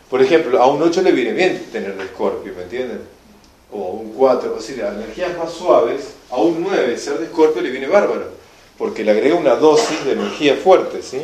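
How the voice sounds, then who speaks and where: Man, Argentine accent, informal lecture, emphatic, animated, echoey room. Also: medium pitch, a little hiss or hum. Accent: Argentine Spanish. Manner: animated, emphatic, often asks "me entienden?". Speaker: enneagram teacher. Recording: echoey room, live class recording.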